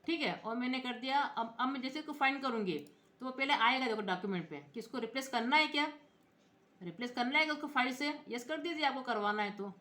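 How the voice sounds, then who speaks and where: A woman teaching computer software in speech, explaining each step and spelling out letters as she checks in with her viewers. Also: high-pitched, quick pace. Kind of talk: screen-recorded software tutorial. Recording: echoey room.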